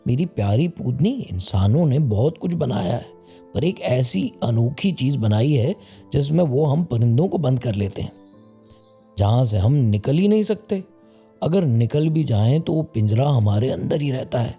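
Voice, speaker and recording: Man doing a calm little male bird, lively explaining tone, dark gravelly voice. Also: mid-range voice, faint music behind. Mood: patient. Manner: patient, explaining. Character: small male bird, patient peacemaker.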